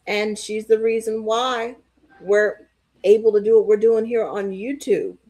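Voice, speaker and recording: A woman co-hosting a podcast in casual chat, speaking in a heartfelt, measured way. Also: mid-range voice, a little mellow. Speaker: podcast co-host.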